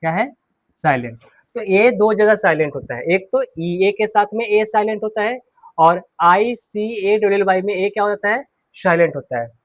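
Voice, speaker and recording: An expressive man with a high voice and moderate pace leads an English pronunciation lesson at a board, with no room sound. He questions the class, answers himself, and repeats key words.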